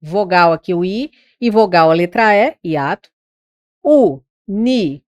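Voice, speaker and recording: A woman with a Brazilian Portuguese accent giving an exam-prep grammar lesson. She corrects herself aloud and sounds out words slowly. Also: on the low side, expressive, no room sound, lo-fi sound. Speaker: teacher.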